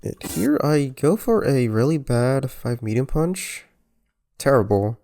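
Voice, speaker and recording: A man giving careful, unhurried commentary on a replay of his own fighting game match, with muttered self-critical asides. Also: mid-range voice, animated, mellow. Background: music.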